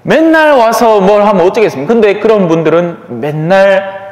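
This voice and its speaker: Gyeongsang priest, homily, high lively voice, chatty, long church reverb. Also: male voice, moderate pace. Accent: Gyeongsang Korean. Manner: conversational, chatty, asks listeners for agreement. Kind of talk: sermon.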